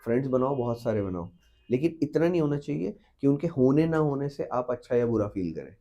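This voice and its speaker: A man's voice: medium pitch, lively intonation, brisk, warm tone, highs cut off. A man, a teacher giving earnest advice as a podcast guest and mixing English phrases into his Hindi.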